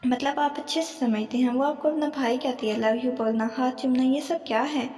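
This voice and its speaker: A suspicious young wife with a sharp, stern way of speaking, as a woman reads her lines. Her voice has a gravelly grain and a high-set pitch, and it rings out in a roomy space with long reverb. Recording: echoey room with long reverb.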